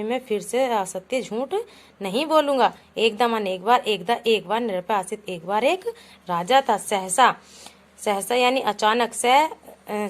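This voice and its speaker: A woman teaching a Sanskrit lesson to children, patiently reading each example aloud and then explaining it. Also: mid-range voice. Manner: patient, calls the pupils "beta", reads each example aloud then translates it. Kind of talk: classroom lesson explaining Sanskrit words in Hindi.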